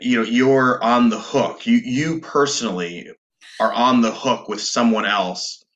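A man's voice: mid-range voice, a little slow, fairly bright tone. A man co-hosting a podcast, explaining things casually and often rephrasing as he goes. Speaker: podcast co-host.

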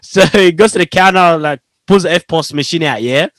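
A young man with a fairly high voice, recorded close and dry. He chats casually in loose slang, acting out anecdotes and often breaking into a giggle. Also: brisk, a bit bright, dry recording. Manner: slangy, says bro often, giggly storyteller. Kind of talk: casual chat, animated anecdotes.

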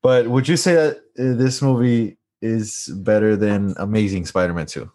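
Young male co-host with a lowish voice, easygoing, often laughing, short agreeing replies. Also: moderate pace, warm tone. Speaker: podcast co-host. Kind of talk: casual chat.

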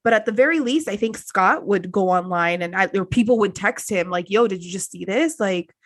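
A young woman co-hosting a casual chat, talking in a chatty, animated way full of "like" and quoted asides. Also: mid-range voice, moderate pace. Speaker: podcast co-host. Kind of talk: casual chat recapping a reality show.

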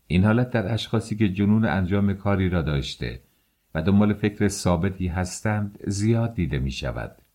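Deep-voiced man narrating a novel. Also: expressive, mellow. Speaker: audiobook narrator. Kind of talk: scripted literary narration.

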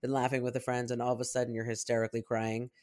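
Therapist cohost, mid-pitched voice, thinks out loud, casual podcast chat. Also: monotone, very fast. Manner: reflective, explaining, thinks aloud.

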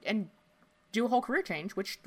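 A woman's voice: mid-range voice, lively intonation, brisk, husky. A woman co-hosting a podcast in casual chat, rambling with lots of filler words. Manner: chatty, lots of likes and you-knows. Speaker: podcast co-host.

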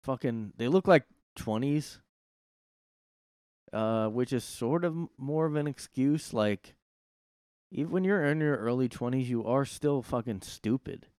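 A man with a smooth, clear voice sits in his room hosting a solo podcast, recorded close and dry. He rambles and swears freely, now and then jumping into loud outbursts. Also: medium pitch, animated, measured pace, no room sound. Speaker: podcast host. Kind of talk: casual solo monologue.

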